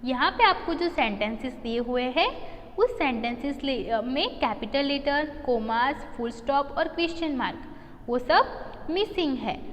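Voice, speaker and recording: A woman teacher with an Indian accent giving an English lesson, reading the English slowly word by word and explaining in Hindi. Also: high-pitched, expressive. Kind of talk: recorded classroom lesson. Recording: faint hiss, long echo.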